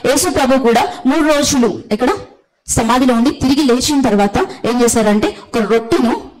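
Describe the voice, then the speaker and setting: A woman preaching a sermon. Her voice sits a little high. She speaks bluntly and forcefully, stressing her points with repeated hallelujahs. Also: rough recording.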